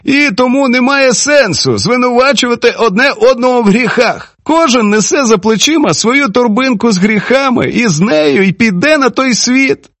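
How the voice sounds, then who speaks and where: Stern commanding older woman played by a man, lecturing, lively pitch, dry sound. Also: moderate pace, few pauses, dry recording, heavily acted. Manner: forceful, lecturing.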